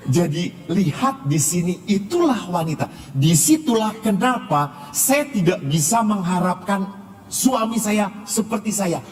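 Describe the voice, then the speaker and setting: Javanese-accent priest man, high voice, joking sermon, lots of hall reverb. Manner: playful storytelling, acting out quoted voices. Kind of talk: humorous sermon at a revival service. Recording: long hall reverb, faint background noise.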